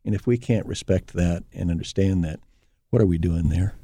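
An older man with a low, warm voice talks earnestly about his work, often quoting himself as he tells stories. The sound is dry and close, with no room around it. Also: moderate pace, breathy edge, no echo. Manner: earnest, storytelling, quotes himself. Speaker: archaeology professor. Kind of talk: casual interview talk.

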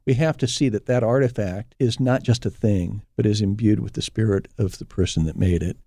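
A man's voice: fairly low pitch, brisk, dark tone, no echo, studio quality. An older man, an archaeology professor, talking earnestly in a casual interview and telling stories. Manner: earnest, storytelling, quotes himself.

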